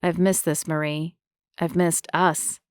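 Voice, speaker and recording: A woman's voice: fairly low pitch, little pitch movement, slow, smooth, no echo, studio quality. A woman narrator voicing a charming, playful young man who jokes through an injury, in a light teasing manner. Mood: tender.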